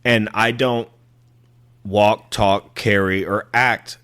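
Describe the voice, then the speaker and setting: A man's voice: lowish voice, steady tone, takes it slowly, a bit bright, smooth. Blunt Texan man with slight twang. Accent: slight Texas country twang. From Texas. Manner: blunt, swears freely, mocks stereotypes. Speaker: podcast co-host. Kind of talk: casual profane chat.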